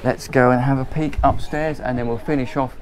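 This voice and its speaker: At a brisk clip and in a steady, medium-pitched voice, the English host chats enthusiastically through a loosely ad-libbed tour of a motor boat at a marina. A little hiss or hum is audible as the handheld camera moves between cabins and decks.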